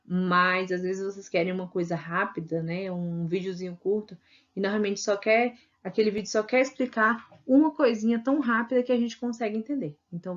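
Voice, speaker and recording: Brazilian woman, teacher, casual online lesson, lots of "né?", muffled lo-fi mic. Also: medium pitch. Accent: Brazilian Portuguese. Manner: chatty, keeps adding "né?" to check in with students. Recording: dull lo-fi recording.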